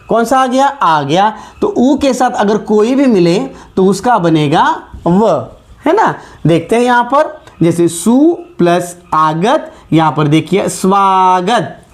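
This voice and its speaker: A man teaching a grammar lesson, patiently repeating sounds and asking his students questions as he goes. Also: high-pitched. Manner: slow and patient, repeats key sounds and asks rhetorical questions. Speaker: Hindi teacher.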